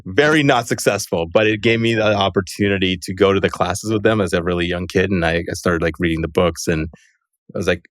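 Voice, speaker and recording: In a casual interview, a podcast guest who co-founded a company talks in a loose, chatty way, using lots of "like" and laughing mid-sentence. He's from Los Angeles, USA. His deep voice runs fairly quick, and the recording is dry and studio-quality.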